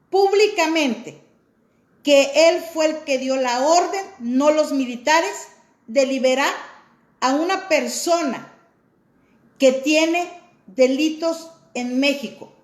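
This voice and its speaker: Woman, high voice, impassioned political monologue, emphatic rhetorical questions, echoey room. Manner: rhetorical, emphatic, repetitive appeals to listeners.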